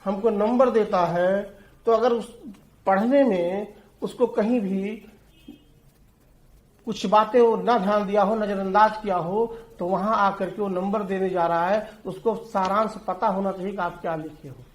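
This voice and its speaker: A man's voice: high voice, steady tone, measured pace. Male teacher lecturing in an echoey room. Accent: Hindi. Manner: explains with everyday examples, addresses students directly. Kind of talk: exam-prep lecture on essay writing.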